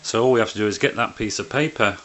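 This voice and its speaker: Low-pitched man giving a hands-on tutorial. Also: fast talker, fairly bright tone, a little hiss or hum. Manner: plain-spoken, step-by-step explaining. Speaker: presenter of a printer how-to video. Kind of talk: informal hands-on tutorial narration. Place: indoors beside a printer.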